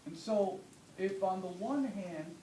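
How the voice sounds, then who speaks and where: A man's voice: high voice, slow, mellow. Casual man talking to students in an echoey hall. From Dominican Republic. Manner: casual, conversational, often checks in with a questioning "yeah?". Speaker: guest speaker. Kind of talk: informal talk to students. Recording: echoey room from far off, noisy.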